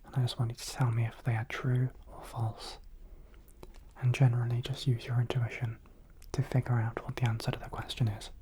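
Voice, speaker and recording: A woman doing a soothing whispered role-play as a clinician, guiding the listener softly and close to the microphone. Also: very deep voice, flat delivery, fairly quick, noisy background. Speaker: ASMR host playing a clinician.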